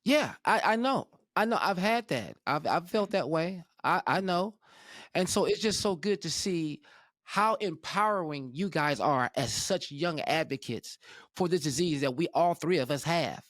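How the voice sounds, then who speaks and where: A man's voice: on the high side, lively intonation, a little slow, fairly bright tone, no echo, clean studio sound. A man hosting a talk show, chatting casually with guests and often restarting his sentences. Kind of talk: casual interview chat.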